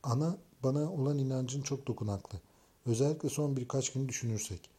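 A man's voice: medium pitch, a little fast, dark tone, close to an everyday voice. A man voicing a stern, protective young husband who gives firm, clipped commands in an audiobook.

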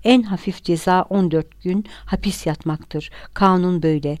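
A woman's voice: lowish voice, moderate pace, darkish tone, no echo, lightly acted. A woman reading the lines of a kindly older judge, matter-of-fact and regretful. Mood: resigned. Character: older male judge, kindly but bound by law.

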